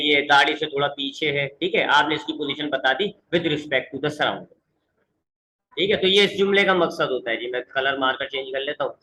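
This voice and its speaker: A man teaching a physics lesson online. He speaks slowly and deliberately, repeating points and switching between English definitions and explanation. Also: a little high, bright, forceful tone, poor audio. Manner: mixes English definitions into Urdu-flavored explanation, repeats for emphasis. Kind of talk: online classroom lecture.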